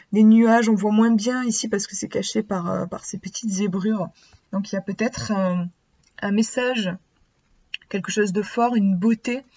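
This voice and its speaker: A woman's voice: mid-range voice, a little mellow, muffled recording. A woman with a lisp giving a card reading, speaking to the viewer. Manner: hesitant, searching for words. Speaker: oracle card reader. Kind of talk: casual card reading, with passages read from a booklet.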